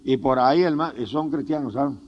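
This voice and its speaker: On a muffled, low-fidelity sermon recording, a male pastor speaks fast in a medium-pitched voice. He preaches with fervor and humor, laughing through funny stories and often interjecting praise to God.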